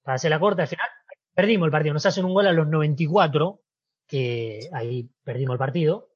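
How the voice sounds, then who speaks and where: A man with a Rioplatense Spanish accent, an interview guest who was a footballer, telling an animated story and acting out the dialogue. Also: fairly high pitch, quick pace, breathy edge, muffled recording. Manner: animated storyteller, acts out dialogue, frequent "¿viste?". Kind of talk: casual storytelling.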